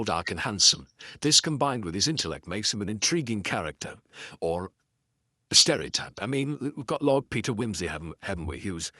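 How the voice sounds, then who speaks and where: A man's voice: lowish voice, sharp tone, no room sound, clean studio sound. A middle-aged man with a Geordie accent chatting about a detective book, wandering into self-deprecating asides, with lots of ums and false starts. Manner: digressive, self-deprecating, full of ums and restarts. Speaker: audiobook narrator. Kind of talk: casual rambling commentary.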